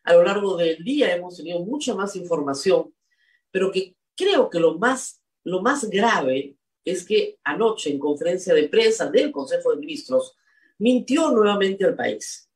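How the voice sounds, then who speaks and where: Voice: medium pitch, distant mic. A political commentator, speaking in an emphatic, scolding way and repeating points for effect. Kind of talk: indignant spoken commentary.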